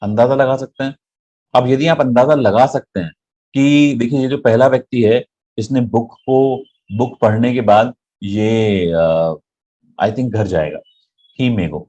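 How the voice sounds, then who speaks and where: A man's voice: mid-range voice, a little slow, mellow, highs cut off. A man teaching an online English grammar lesson, explaining in Hindi mixed with English and often checking "right?" with his viewers.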